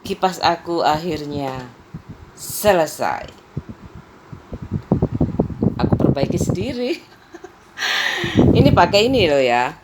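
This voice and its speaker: A woman's voice: on the low side, very animated, slow pace, long pauses, very noisy. A middle-aged woman, chatting casually at home in a rambling vlog and laughing often. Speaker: vlogger.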